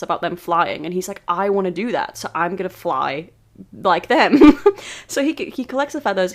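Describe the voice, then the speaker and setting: A woman casually retelling an old myth as a birthday podcast, rambling with giggly asides. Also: medium pitch. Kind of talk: casual storytelling monologue.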